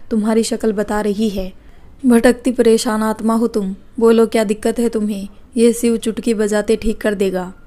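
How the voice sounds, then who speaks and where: A woman's voice: a little high, steady tone, normal speed, warm tone, close to an everyday voice. A woman voicing a cheeky young man on a train who teases and mocks in playful banter. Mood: teasing.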